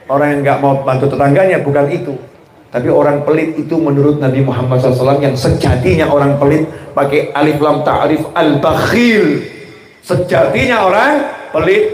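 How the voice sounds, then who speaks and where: A man preaches to a gathering in an animated, joking way, calling back and forth with his listeners. His voice sits high for a man. The sound rings through an echoey hall. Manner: animated, humorous, call-and-response with audience. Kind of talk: religious sermon.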